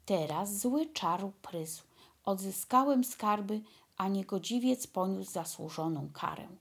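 A gentle young fairy-tale prince, soft-spoken and apologetic, as a woman reads him. The voice is husky, with a gravelly edge. It moves at an unhurried pace. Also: mid-range voice, animated, heavily acted. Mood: earnest. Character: kind young prince, once a bear, gentle.

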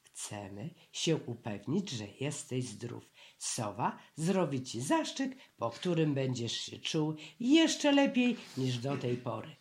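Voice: mid-range voice, big pitch swings, slow pace. A storybook reader voicing a kind young boy who explains things patiently and reassuringly.

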